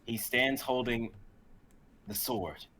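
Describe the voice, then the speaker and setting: A young adult man narrates an amateur fantasy script in a dramatic storytelling style, his medium-pitched voice slow, pushed and bright. The live stream carries faint background noise.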